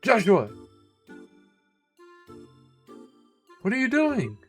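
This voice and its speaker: A man's voice: sits high, huge pitch swings, normal speed, husky, soft background music, pitched above the performer's own voice, exaggerated voice. A man voicing a feisty, flustered teenage girl from a video game, stammering and exclamatory. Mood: alarmed. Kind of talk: video game dialogue read aloud.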